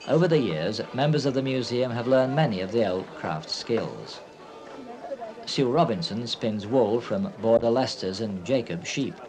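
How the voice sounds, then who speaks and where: A man delivers scripted narration for a documentary. His voice sits at an ordinary middle pitch, measured and informative, with music clearly playing behind it. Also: lively intonation, low-quality recording.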